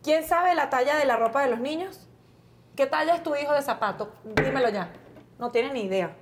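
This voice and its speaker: A high-pitched woman with a Venezuelan accent, in her thirties, co-hosting a playful talk show. She rants in an animated, exasperated way and acts out quotes as she vents. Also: normal speed, noisy background. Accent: Venezuelan Spanish. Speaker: co-host. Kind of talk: casual comedic banter.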